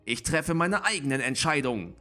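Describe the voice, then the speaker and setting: A man's voice: a little high, expressive, normal speed, sharp tone, faint music behind. A man reading aloud and voicing an angry, resentful young grey tomcat warrior. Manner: hissing, resentful.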